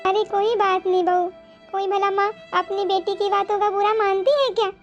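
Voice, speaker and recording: A meek, loving older mother-in-law in a cartoon, voiced by a woman. She speaks gently and forgivingly in a very high voice. The recording is a little dull, with music behind. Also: steady tone, normal speed.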